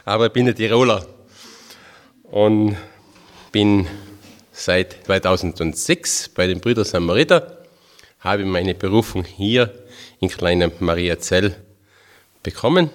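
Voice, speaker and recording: Speaking in a deep voice at a slow pace with frequent pauses, this Tyrolean man in his fifties, a religious brother, delivers a homely spiritual talk to a group. He has a Tyrolean accent and a chatty, self-deprecating manner sprinkled with dialect phrases.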